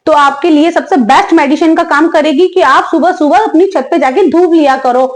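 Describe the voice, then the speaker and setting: A woman voicing a lazy, cheeky young daughter-in-law who talks back quickly and chattily in a comic family sketch. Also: sits high, natural voice. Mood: arguing. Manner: quick, chatty, giggly backtalk.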